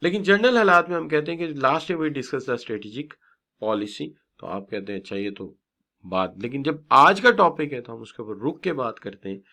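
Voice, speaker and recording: A man's voice: medium pitch, lively intonation, moderate pace, bright, forceful tone. A middle-aged man giving a classroom lecture on business communication, stretching and stressing words as he teaches and often praising his students. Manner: mixes English terms into his explanations.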